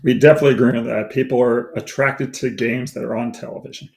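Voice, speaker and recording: A man who grew up on the East Coast, a sports handicapper talking through his approach in a measured, casual way. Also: medium pitch, steady tone, vocal fry, a little mellow. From East Coast of the United States. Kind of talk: casual chat.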